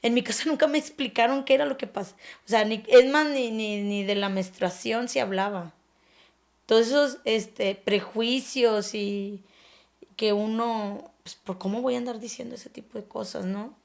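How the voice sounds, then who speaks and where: A woman with a Mexican accent gives a personal testimony on a podcast. Her fairly high voice carries a gravelly fry, and she speaks haltingly. She searches for words and lets her sentences trail off softly. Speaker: anonymous guest sharing her story.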